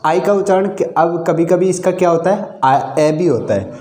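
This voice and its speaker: A fairly high-voiced man walks learners through English pronunciation. He spells each word out letter by letter and keeps checking in with "okay". His voice is mellow and dark, and it rings in an echoey room. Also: moderate pace. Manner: spells words letter by letter, repeats with "thik hai". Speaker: English teacher. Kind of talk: step-by-step pronunciation lesson.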